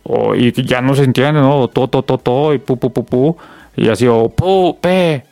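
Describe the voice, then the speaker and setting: A man's voice: mid-range voice, measured pace, vocal fry, warm tone, dry recording. A man co-hosting, joking in casual slang. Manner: slangy, playful, defensive of his team. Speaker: co-host. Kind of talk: casual banter.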